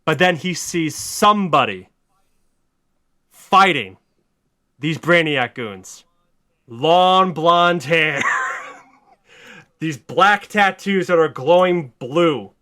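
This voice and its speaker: A man hosting a podcast, telling a story in excited casual chat, swearing a lot and rising to near shouts. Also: fairly high pitch, very slow, pauses often. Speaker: podcast host.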